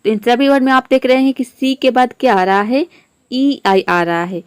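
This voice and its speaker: A woman's voice: fairly high pitch, normal speed, smooth, no echo, studio quality. A woman teaching English pronunciation rules, patiently spelling words out letter by letter and giving their meanings. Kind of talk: explaining pronunciation rules step by step.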